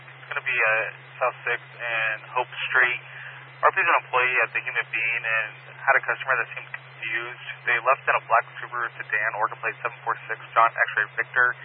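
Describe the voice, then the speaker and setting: A man working as a police dispatcher, giving brisk, clipped calls over a police radio. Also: medium pitch, fairly even intonation. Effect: police radio transmission. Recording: tinny distant radio with faint static.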